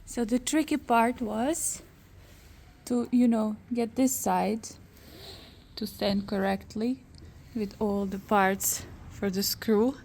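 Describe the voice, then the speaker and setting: A woman with a fairly high voice films and comments in relaxed vlog style. She speaks at a slow pace, with a playful, teasing manner. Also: vocal fry, slight background noise. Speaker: vlogger filming and commenting. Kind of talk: casual vlog chat.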